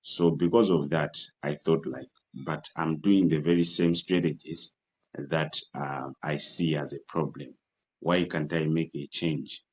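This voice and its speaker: A young man from Malawi, an entrepreneur answering interview questions in a halting way with many fillers. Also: extremely low pitch, fairly even intonation, darkish tone. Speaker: entrepreneur guest.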